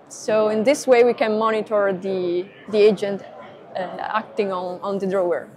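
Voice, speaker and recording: A woman's voice: medium pitch, fairly even intonation, moderate pace, a little mellow. A young woman, a perception engineer explaining her work step by step at a trade-fair booth, recorded on a lapel mic. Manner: methodical, explains step by step with fillers.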